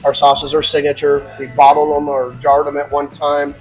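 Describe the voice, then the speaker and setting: A man's voice: fairly high pitch, monotone, moderate pace, soft background music. A man who owns a barbecue restaurant, chatting casually and laughing often while eating. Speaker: restaurant owner.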